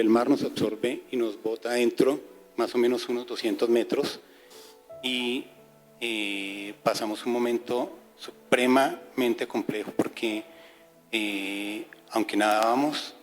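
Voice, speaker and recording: Calm man with music behind. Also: mid-range voice. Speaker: pastor. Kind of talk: testimony at a church service.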